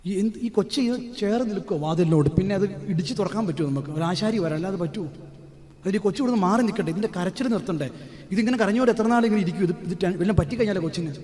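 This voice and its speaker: A male priest giving a sermon in a storytelling way, with sudden loud, emphatic outbursts. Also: sits high, racing. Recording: long hall reverb.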